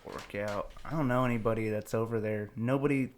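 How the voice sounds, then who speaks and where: A man's voice: fairly low pitch, steady tone, fairly quick, a little hiss or hum. A man chatting casually in profane, slangy bro talk. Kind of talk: casual chat.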